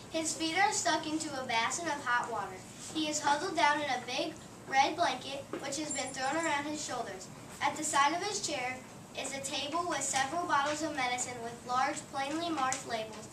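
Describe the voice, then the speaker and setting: A woman narrating, reading the stage directions of a play in a plain, steady voice. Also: sits high. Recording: echoey room, distant mic, noise.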